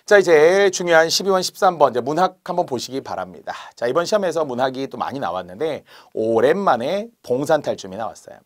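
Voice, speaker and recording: In a lecture, a man walks through exam answers, marking each step aloud and slowly spelling out letters and sounds. His voice is medium-pitched and animated.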